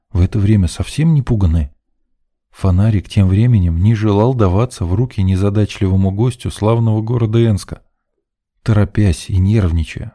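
A man reading a first-person audiobook story in a very dark, mellow voice that sits on the low side. His storytelling is dry and ironic, with scripted narration throughout.

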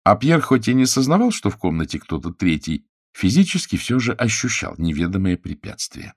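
A man narrating an audiobook in a measured, expressive reading. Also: fairly low pitch, slightly rough, no room sound, studio quality. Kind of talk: scripted narration.

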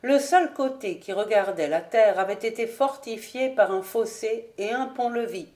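A woman narrating an audiobook in a measured, even reading voice. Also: on the high side. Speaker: audiobook reader.

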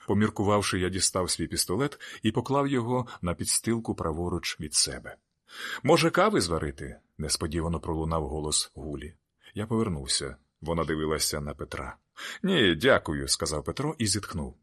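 Deep-voiced male audiobook narrator. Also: a little fast, a bit bright, breathy edge. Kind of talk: scripted novel narration.

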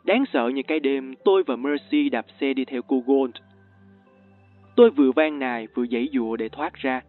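A man narrating a suspenseful story in the first person with measured delivery. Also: mid-range voice. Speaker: audiobook narrator. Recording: tinny lo-fi with faint music.

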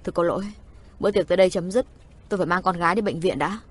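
A woman doing a gentle middle-aged father for a spoken story, soft and low. The voice has a husky grain. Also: very fast, natural voice.

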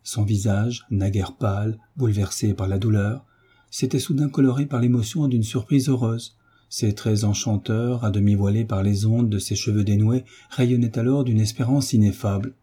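With a fairly low, breathy-edged voice, a man narrates a classic novel for an audiobook in steady, measured storytelling.

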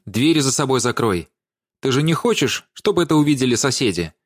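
A man's voice: medium pitch, lively intonation, fairly quick, no room sound, studio quality, pitched above the performer's own voice, lightly acted. A man reading an audiobook and voicing an indignant young woman who cuts her lover down with scorn. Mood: mocking. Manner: scornful, accusing, cutting.

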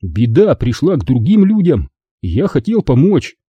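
Man doing a defiant teen boy arguing back, husky lively voice. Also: medium pitch, a little slow, no echo, dull audio, heavily acted. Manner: protesting, shouting back. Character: defiant fifteen-year-old boy, troubled and intense. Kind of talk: audiobook reading.

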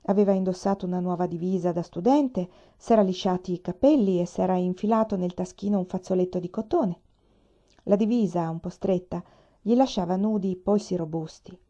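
A woman reading a novel aloud in a steady, measured way. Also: mid-range voice. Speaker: audiobook reader. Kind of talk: scripted narration of a novel. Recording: dull lo-fi recording.

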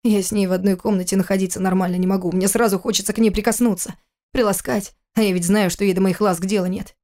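A woman reading the part of a hard, bitter young husband who speaks curtly and forcefully. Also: mid-range voice, fairly even intonation, fast, close to an everyday voice. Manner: forceful, curt.

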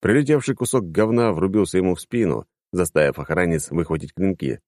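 A man reading a first-person audiobook in a wry, lively narration style. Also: a little fast, no room sound. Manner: lively, wry, sweeping pitch.

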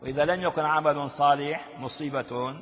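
An older man teaching a classical text as a sheikh, explaining slowly and quizzing his listeners with rhetorical questions. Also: on the high side, steady tone, a bit bright. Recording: lo-fi recording with long reverb in a hall.

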